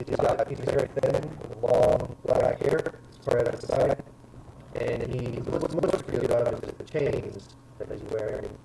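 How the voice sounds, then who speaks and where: A man narrating as game master, rambling and hesitant, often pausing with fillers. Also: mid-range voice, steady tone, vocal fry. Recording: noisy background.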